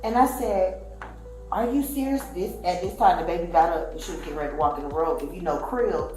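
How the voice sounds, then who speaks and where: A woman talks to police, her low voice winding through a story and slipping into the voices of the people she quotes. The room is very echoey, and faint music plays underneath. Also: fast, darkish tone. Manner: rambling storytelling, acting out quoted speech. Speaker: witness. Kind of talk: recounting events to police.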